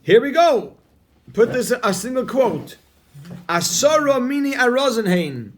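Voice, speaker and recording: A man leads a Talmud class in a notably high voice. He drills each phrase by repeating it again and again and presses his students with energetic emphasis. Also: a little slow, slight background noise. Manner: repeats key phrases over and over, drilling the point. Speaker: Talmud teacher. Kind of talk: Talmud class reading and explaining text.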